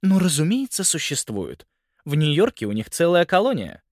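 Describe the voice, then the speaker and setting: A man's voice: a little high, wildly swooping pitch, normal speed, dry recording, clean studio sound, pitched above the performer's own voice, exaggerated voice. Man doing a stern policewoman aunt. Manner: stern, commanding.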